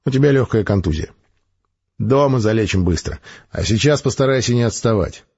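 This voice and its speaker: Man doing a gruff space major, dry and teasing, low husky voice, slightly dull recording. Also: expressive, brisk, darkish tone. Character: gruff dryly joking male space major.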